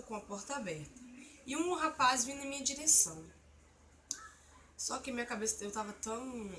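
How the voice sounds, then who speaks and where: A woman with a bright, fairly high voice shares a personal testimony of faith. She tells the story earnestly and with feeling, over a faint background ambience. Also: slight background noise. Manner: earnest storytelling, emotional retelling of an assault. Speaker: testimony speaker.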